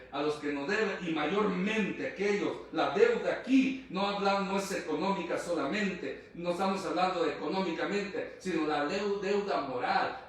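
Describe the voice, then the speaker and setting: A man preaching a sermon earnestly, often repeating phrases and speaking straight to his listeners. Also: a little high. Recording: very echoey room, voice far from mic.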